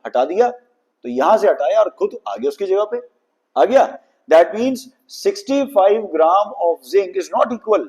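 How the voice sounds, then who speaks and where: A man teaching chemistry to students, dictating formulas slowly and calling his students children. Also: sits high, a little mellow. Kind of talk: classroom lecture.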